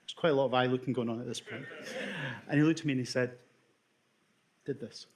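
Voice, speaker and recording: A man's voice: mid-range voice, brisk, slight background noise. A middle-aged man with a Scottish accent, an emergency consultant giving a talk to an audience and telling stories with humour. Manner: storytelling with humour, lively delivery.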